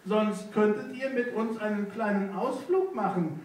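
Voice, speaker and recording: A man's voice: high-pitched, a little slow, a little mellow, pitched above the performer's own voice. A man voicing a sly, scheming male trickster with short legs in a storybook reading, coaxing and crafty. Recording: echoey room, mic far off.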